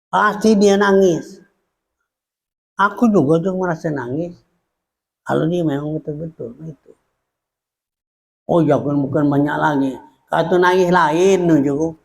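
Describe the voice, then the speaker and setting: A man with a Palembang Malay accent gives a sermon as a religious teacher, unhurried, with frequent pauses and fillers. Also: on the high side, vocal fry, a little mellow. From Indonesia.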